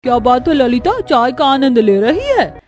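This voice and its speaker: A woman voicing a meddling middle-aged neighbor woman who teases in a drawn-out way. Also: high voice, big pitch swings, a little mellow. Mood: teasing.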